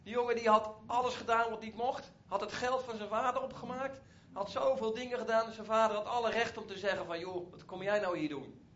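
A man with a high voice retells a Bible story in a relaxed, conversational way, often turning to his listeners directly. The recording is a bit dull, with a faint hiss behind him. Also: brisk, few pauses. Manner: conversational, with frequent asides to listeners.

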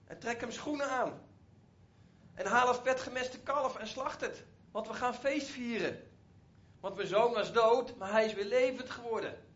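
A man voicing an overjoyed old father, warmly welcoming his son home with exclamations. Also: extremely high pitch, unhurried, muffled recording. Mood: jubilant.

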